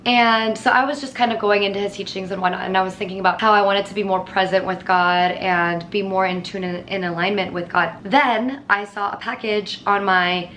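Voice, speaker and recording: A woman's voice: mid-range voice, fairly even intonation, a little fast, few pauses, a bit bright, a little hiss or hum. A woman chatting casually to her viewers in a vlog about her monthly favorites, earnest and full of filler words. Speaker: vlogger.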